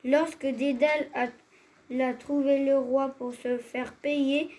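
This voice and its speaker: A woman reading a myth aloud as storyteller, in a measured and expressive way. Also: high voice, rough recording.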